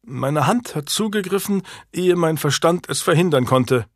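A man's voice: on the high side, animated, normal speed, no room sound, clean studio sound, voice pushed up, natural voice. A man voicing a hungry, ashamed fourteen-year-old noble boy who speaks formally and humbly in a storybook reading.

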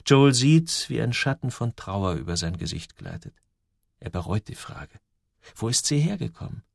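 A man narrating a children's story with expressive storytelling. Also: medium pitch, moderate pace, creaky, no room sound, clean studio sound. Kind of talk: audiobook narration.

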